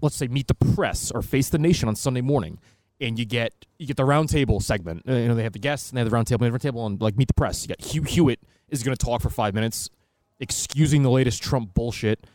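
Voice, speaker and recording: A man's voice: mid-range voice, fast talker, darkish tone. A man co-hosting a casual talk podcast, talking in long, opinionated, profane stretches. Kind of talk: casual political and media chat.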